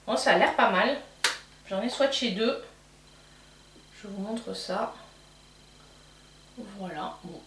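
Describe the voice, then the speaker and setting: This beauty vlogger, a young woman with a French accent she acknowledges, chats loosely through a beauty box unboxing with frequent fillers and restarts. Her voice is a little high and fairly bright, captured from afar in an echoey room with a bit of hiss or hum.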